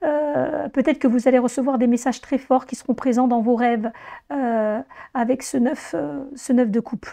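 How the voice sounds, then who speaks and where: A woman with a hoarse voice, weakened by laryngitis, gives an informal tarot reading, explaining things directly to her viewers. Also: sits high, fairly even intonation, normal speed, warm tone. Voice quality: hoarse, strained voice. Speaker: tarot reader presenting a monthly horoscope reading.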